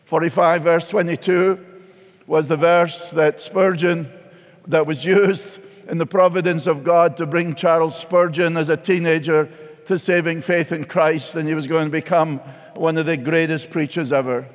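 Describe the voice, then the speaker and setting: A man's voice: on the high side, steady tone, moderate pace. A man pastor preaching a sermon with passion, repeating key phrases. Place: large church sanctuary. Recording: long church reverb.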